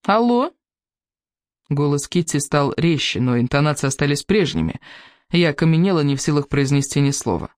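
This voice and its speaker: A woman narrating a first-person novel in a measured, emotional way. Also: deep voice, lively intonation, darkish tone, no echo, clean studio sound. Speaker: audiobook narrator.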